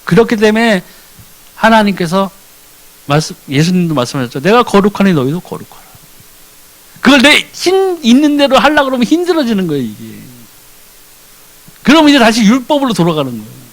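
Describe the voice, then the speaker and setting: A man, a church deacon, preaching a sermon in an animated way, firing rhetorical questions at the congregation. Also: high voice, fairly quick, long pauses, poor audio. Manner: acts out short dialogues with changed voices.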